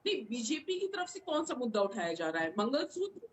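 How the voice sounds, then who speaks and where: A woman's voice: on the high side, big pitch swings, fairly quick, rough recording. A woman speaking as a party spokesperson in a heated political debate, arguing hard and often repeating words and restarting sentences.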